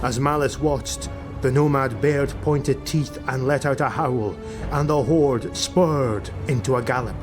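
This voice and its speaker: A man with a medium-pitched voice reads a fantasy audiobook a little slowly, giving it a scripted, dramatic narration. Music plays underneath him throughout.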